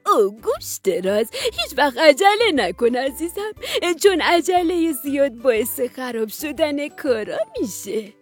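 A woman plays a caring animal aunt from a children's storybook, tender and soothing as she comforts the little ones. Her voice is fairly high and rises and falls in lively curves, with soft music playing behind. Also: few pauses. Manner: tender and soothing, opening with "oh, dear".

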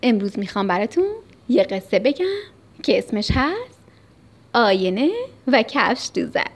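A woman's voice: medium pitch, very animated. A woman hosting a children's story radio show, telling a story and speaking affectionately to young listeners.

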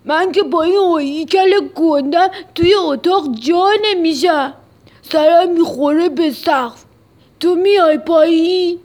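A woman voicing a big, gentle, curious tree in a children's radio story, in a childlike and wondering manner. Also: extremely high pitch, voice pushed up.

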